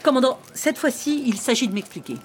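A woman playing a skeptical, impatient high official in a radio drama, formal and authoritative. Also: lively intonation, fairly quick, a little hiss or hum.

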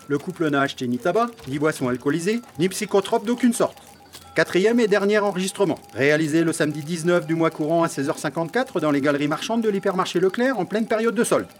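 Guy acting as officious cop reading reports, radio play, talks really fast, highish voice, bit of noise. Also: close to an everyday voice. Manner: formal, officious, matter-of-fact. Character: bureaucratic police brigadier reading out surveillance reports. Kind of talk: radio drama, scripted report.

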